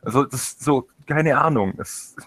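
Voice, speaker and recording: A man's voice: mid-range voice, normal speed, fairly bright tone, no echo. A man co-hosting a casual political chat show, talking with hesitant, stammering restarts. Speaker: podcast co-host.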